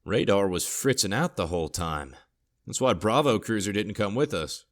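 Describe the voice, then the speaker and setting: A man's voice: on the low side, animated, moderate pace, natural voice. A man doing a skeptical young police corporal. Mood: doubtful. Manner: skeptical, questioning.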